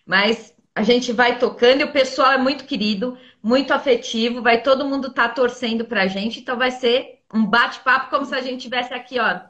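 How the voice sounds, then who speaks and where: A woman's voice: a little high, moderate pace, few pauses, fairly bright tone, highs cut off. A woman hosting a casual live-stream chat, speaking to her audience and guest in a reassuring, encouraging way. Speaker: host.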